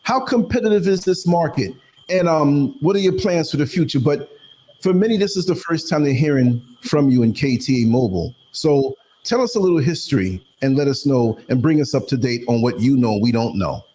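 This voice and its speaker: A man hosting a casual interview, asking questions in a lively, playful way. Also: mid-range voice, a little fast. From United States. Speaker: podcast host.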